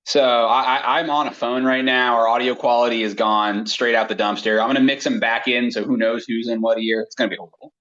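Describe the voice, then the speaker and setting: A man's voice: mid-range voice, little pitch movement, brisk, hardly any pauses, a bit bright. A man co-hosting a podcast while talking over the phone, bantering in a playful, mock-serious way. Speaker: podcast co-host. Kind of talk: casual comedic banter. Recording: muffled lo-fi phone audio.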